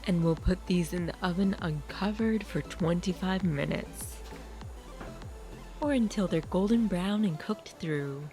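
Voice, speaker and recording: A woman's voice: on the low side, unhurried, warm tone, faint music behind. A woman hosting her own cooking channel, talking viewers through a recipe in a chatty, upbeat way and speaking to them directly. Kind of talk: casual cooking demonstration.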